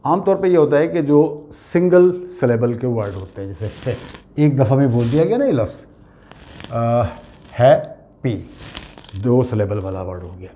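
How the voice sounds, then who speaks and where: Slow, patient male grammar teacher with Urdu accent. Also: medium pitch, expressive, dark tone. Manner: slow, patient explaining, spelling words out letter by letter. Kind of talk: classroom grammar lesson.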